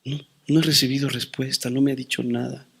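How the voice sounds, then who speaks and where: A man preaching a sermon as pastor, quoting scripture and telling personal stories, swinging between loud declarations and hushed asides. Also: medium pitch, flat delivery, fairly quick, gravelly, slightly rough.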